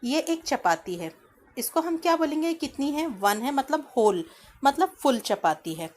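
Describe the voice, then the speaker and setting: A woman teacher explaining a primary school maths lesson to children. She asks the class questions and answers them herself, and she reads English lines from the book slowly. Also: high voice, sing-song.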